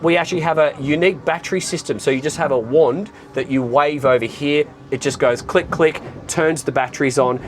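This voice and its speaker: Chatty man touring a boat outdoors. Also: medium pitch. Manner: upbeat, chatty, pointing out features as he walks. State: occasional throat clearing after a recent flu. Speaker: boat reviewer presenting a walkthrough. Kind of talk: casual guided tour talk. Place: outdoors on a boat anchored in an exposed bay.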